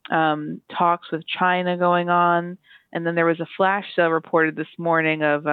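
A woman market analyst speaking over the phone, giving grain market commentary in a relaxed, chatty way with fillers. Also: on the low side, no room sound. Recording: tinny phone line.

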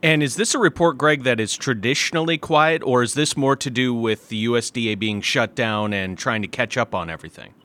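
A man hosting a farm radio show, reading market news and commodity prices in a steady, clipped studio delivery. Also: medium pitch, a little fast, few pauses. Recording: dry studio sound.

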